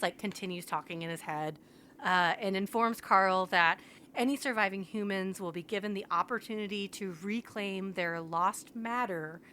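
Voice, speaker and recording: A young woman recapping a novel on a podcast, talking animatedly in a casual, rambling way. Her pitch sits at an ordinary middle level. Faint background hiss sits under her voice. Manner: animated retelling, filled with "like". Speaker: podcast co-host. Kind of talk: casual book recap chat.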